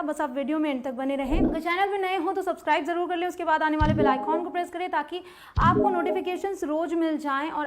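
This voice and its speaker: A woman teaching English grammar in a video lesson, explaining rules in Hindi and reading each English example slowly and distinctly. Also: sits high. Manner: mixes Hindi with English terms, checks in with "clear".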